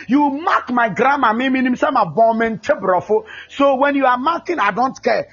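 High husky preacher, fervent shouting. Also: male voice. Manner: fervent, often shouting, mixing English with Twi. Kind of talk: sermon with prayer. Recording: dull lo-fi recording with faint music.

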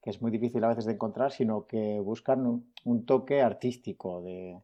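Male guest, photographer, low warm voice, chatty and good-humoured. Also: fairly even intonation, moderate pace, dull audio. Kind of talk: casual interview.

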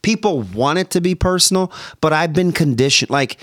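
Guesting on a podcast, a man who used to host radio recounts a story at a moderate pace in a slightly high voice. He's an animated storyteller who performs the voices of the people he spoke with on the phone, all captured in a clean, dry studio sound.

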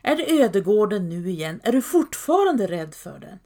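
A woman voicing a placid older medieval farmer husband who talks in a slow, drawling way. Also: mid-range voice, very animated, mellow. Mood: calm.

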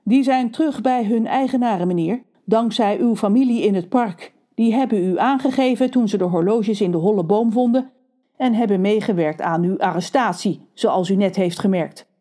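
A woman doing a calm, polite butler. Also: mid-range voice, moderate pace, close to an everyday voice. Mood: calm explaining. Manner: calm, polite, matter-of-fact. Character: calm male butler, secretly an undercover agent.

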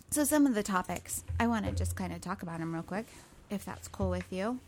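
A woman's voice: medium pitch, normal speed, darkish tone, slight background noise. A woman in her thirties hosting a casual podcast, upbeat and chatty. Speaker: podcast host. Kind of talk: casual chat.

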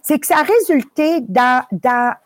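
Woman host, fairly high voice, dry close sound, motivational talk that mixes in English. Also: expressive, a little slow, no echo. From Italy. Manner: mixes English phrases into French. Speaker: podcast host. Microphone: live video call.

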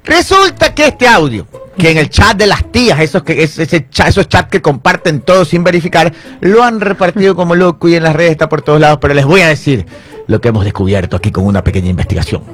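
A man hosting a casual gossip segment, animated and often mimicking what people say. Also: a little high, quick pace, soft background music. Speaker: host. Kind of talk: casual gossip and news chat.

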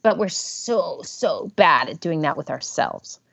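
A woman's voice: deep voice, expressive, measured pace, vocal fry, a bit bright, breathy edge, no echo. A woman therapist, a guest on a podcast, talking casually and animatedly, acting out inner voices in little quotes. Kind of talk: casual interview talk.

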